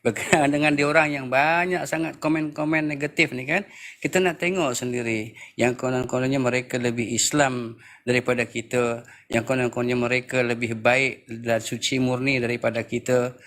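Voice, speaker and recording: In a live political discussion room, a Malaysian-accented man in his fifties offers informal commentary as a panel speaker. His mid-range, fairly bright voice holds a steady tone at normal speed, yet he speaks emphatically, repeating phrases and asking rhetorical questions.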